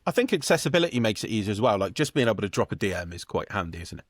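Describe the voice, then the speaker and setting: A man's voice: fairly low pitch, sing-song, very fast, no room sound. A man with a British accent, co-hosting a podcast, upbeat and teasing, asking his co-host questions. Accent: British English. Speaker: podcast co-host, wedding photographer. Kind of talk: casual podcast chat.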